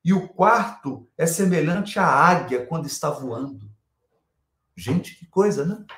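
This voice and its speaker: A man's voice: a little high, a little slow, a bit bright, reverberant. A Brazilian man giving a spiritual lecture on scripture, emphatic, repeating key phrases and asking rhetorical questions.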